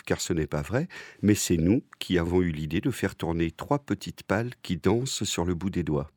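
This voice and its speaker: Low-voiced man speaking right in your ear. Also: no echo. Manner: speaking close into the listener's ear; playful, tongue-in-cheek deadpan. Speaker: podcast host. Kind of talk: intimate scripted podcast narration.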